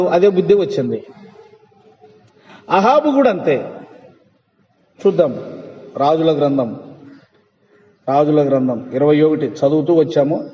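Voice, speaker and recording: A high-voiced male pastor preaches with emphasis, firing questions at his congregation. He sounds like he is in a large church hall, his voice ringing with long reverb. The recording is dull and muffled. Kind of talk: sermon.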